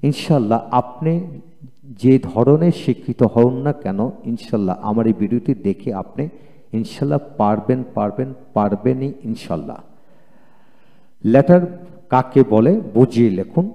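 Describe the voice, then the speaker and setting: Man, Bengali accent, spelling lesson, letter-by-letter drill, dark mellow tone, long reverb. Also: mid-range voice, lively intonation, normal speed, vocal fry. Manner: spells words letter by letter and repeats each word twice; addresses viewers as friends, earnest and encouraging. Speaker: English teacher. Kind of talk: lecture.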